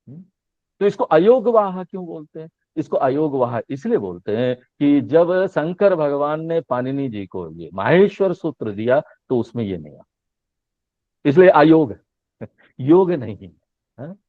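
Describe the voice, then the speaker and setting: Male teacher, fairly high voice, dry and phone-thin, patient recitation of letters. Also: dry recording. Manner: drawn-out recitation of letters with rising questions. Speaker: Sanskrit teacher. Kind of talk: explaining a language lesson. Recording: tinny phone-line sound, dry.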